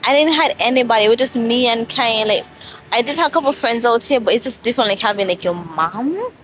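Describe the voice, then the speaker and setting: Woman, late 20s, slightly tipsy, rambling vlog chat, highish voice, noisy street behind. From Saint Kitts and Nevis. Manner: loose, rambling, confiding. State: tipsy from a drink. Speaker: vlogger. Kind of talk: casual rambling chat to camera.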